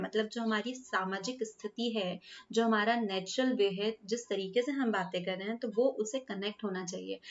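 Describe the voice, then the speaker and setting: A woman teacher works through a lesson for school students at an unhurried pace, asking rhetorical questions and repeating her points. Her voice sits in a middle pitch. The recording sounds slightly dull and lo-fi.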